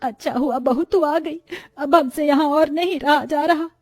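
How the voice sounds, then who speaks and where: A woman's voice: high voice, unhurried, no room sound, studio quality. A woman voicing a strict, weary older mother-in-law in a storybook, speaking sternly. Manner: stern, complaining. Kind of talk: storybook voice acting.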